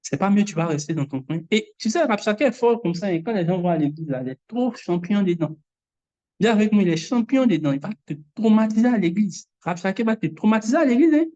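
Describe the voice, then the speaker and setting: A woman preaching a sermon in a lively way, acting out the voices she quotes. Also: medium pitch, brisk. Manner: animated, mimics voices. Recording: dull lo-fi sound.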